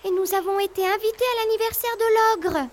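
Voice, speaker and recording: A woman voicing an excitable young boy, the eldest of seven brothers, in an exclamatory childlike voice. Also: very high voice, a little fast. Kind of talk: storybook voice acting.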